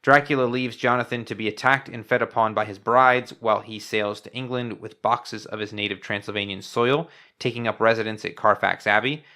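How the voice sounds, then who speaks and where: Bright-voiced co-host reading a plot summary. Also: medium pitch. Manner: measured, reads summary evenly. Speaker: podcast co-host. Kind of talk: casual movie review chat with read plot summary.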